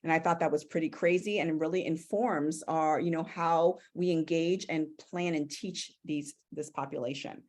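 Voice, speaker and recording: A woman presents a training session over a video call as a casual webinar, sounding chatty and upbeat with frequent fillers. Her low, slightly mellow voice holds a steady tone at normal speed with few pauses.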